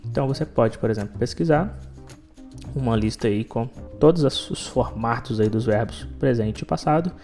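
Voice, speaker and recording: A man teaching an English lesson in a chatty podcast style, often checking in with listeners and slowing down for example sentences. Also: medium pitch, warm tone.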